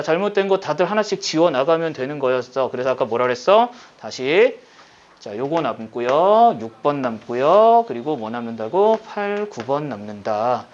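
A male high school Korean teacher with a fairly high voice gives a recorded lesson, guiding the class through a problem step by step and checking in with many quick questions. The audio sounds dull.

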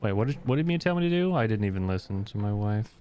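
A man's voice: fairly low pitch, expressive, quick pace, warm tone. A man hosting a let's play, making playful, joking comments as he plays. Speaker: gaming channel host. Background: game music.

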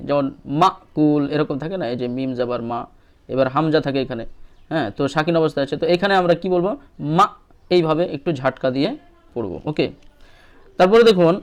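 A man teaching a lesson on reading the Quran, patiently asking questions and then answering them himself. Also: on the high side. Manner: checks in often with short questions to the viewer. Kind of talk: step-by-step lesson walkthrough.

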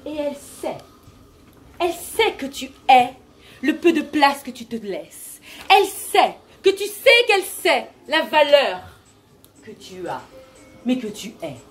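Her voice is high, swinging widely in pitch and deliberately exaggerated as she takes her time, with soft music playing underneath. She's a stand-up performer cast as a pompous self-esteem guru, delivering mock-solemn call-and-response sermons peppered with English jargon. A huge cathedral-like echo surrounds her, recorded from a distant mic in an echoey room at a large, resonant venue.

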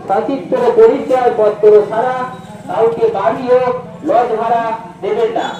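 Police announcer, male, very high voice, outdoor loudspeaker, distant and echoey, slow phrase-by-phrase delivery. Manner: slow, measured, short phrases with pauses. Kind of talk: public safety announcement. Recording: echoey loudspeaker heard from far off.

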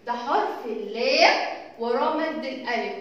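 A woman's voice: a little high, highs cut off. A woman with an Egyptian accent teaching a sing-song phonics lesson to young children, stretching sounds and asking questions. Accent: Egyptian Arabic. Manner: animated, drawn-out sounds, questions and praise. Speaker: kindergarten teacher. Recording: echoey room, far from mic, faint noise.

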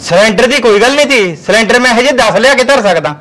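An actor with a Malwa Punjabi accent plays a stubborn, hot-tempered village husband who hurls insults in a short film drama. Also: male voice, extremely high pitch, lively intonation, fast talker, a bit bright, slight background noise.

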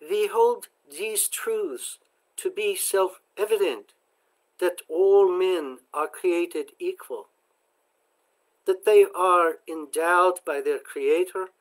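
A man voicing an earnest young immigrant woman with a soft accent, reciting slowly and reverently. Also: on the high side, rough recording.

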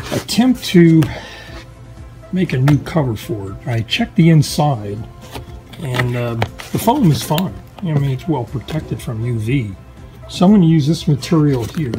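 A man's voice: mid-range voice, poor audio. A middle-aged man casually walking through his boat maintenance projects in a home workshop, talking loosely with lots of fillers and restarts. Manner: relaxed, rambling with frequent fillers and restarts. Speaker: boat owner vlogger. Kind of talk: casual workshop how-to vlog. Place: home workshop garage, indoors.

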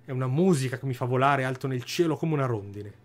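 A man's voice: mid-range voice, expressive, quick pace, natural voice. A man voicing a lovesick young thief, mopey and dreamy, close to his own voice.

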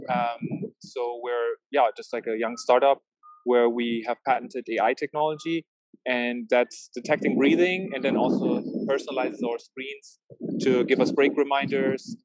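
Speaking from outdoors at a marina, a man in his thirties with Norwegian and German roots is a tech founder appearing as a guest on a video call for a casual interview. His voice sits in the mid range and he is hesitant, full of fillers and false starts. There's no room sound, and the recording quality is low.

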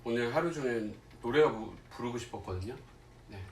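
A man chatting casually to viewers as a livestream host, haltingly, with long pauses and murmured asides. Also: medium pitch, slight background noise. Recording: roomy echo, distant mic, faint music.

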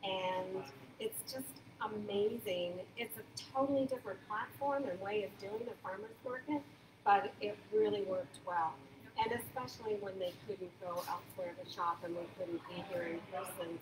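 A woman's voice: medium pitch, moderate pace. An older woman who manages a farmers market, chatting eagerly in an interview with lots of fillers and restarts. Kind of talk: casual interview. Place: large indoor market hall. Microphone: phone camera a few feet away. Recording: echoey hall from a distance, background hum.

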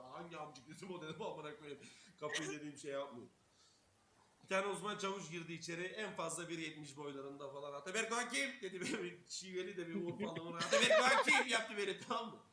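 A young Turkish man, streaming, tells a story casually in a fairly high, fairly bright voice. He swears constantly, acts out every quoted line, and laughs as he goes. His streaming mic picks up an echoey room with a faint hiss.

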